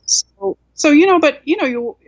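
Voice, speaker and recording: This high, animated, gravelly voice belongs to a woman in her sixties raised in South Korea, appearing as a guest author in a casual video-call interview from a room at home. She reflects at length at normal speed, with many "you know"s and restarts. The laptop webcam mic yields dull, dry audio with no room sound.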